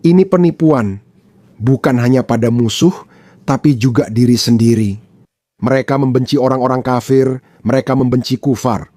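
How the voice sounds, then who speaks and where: A man's voice: mid-range voice, moderate pace, dark tone, no echo, clean studio sound. A man from Pakistan giving opinionated commentary, emphatic and repeating his points for effect.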